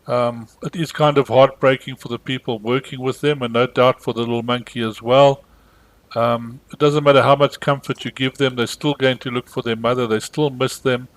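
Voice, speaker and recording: Calm man narrating sanctuary updates. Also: medium pitch, normal speed, no room sound, poor audio. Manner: calm, gentle explaining with frequent ums. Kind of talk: voice-over narration of a wildlife rescue video.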